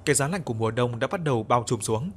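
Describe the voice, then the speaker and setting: A man narrating a story in the first person, with a somber, measured reading and acted dialogue. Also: mid-range voice, lively intonation, a little hiss or hum.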